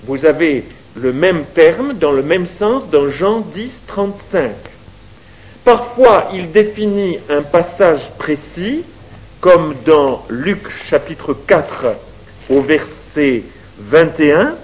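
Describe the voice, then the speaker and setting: A man's voice: a little high, poor audio. A man teaching the Bible to a congregation, asking them questions as he goes. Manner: lively, questions the audience.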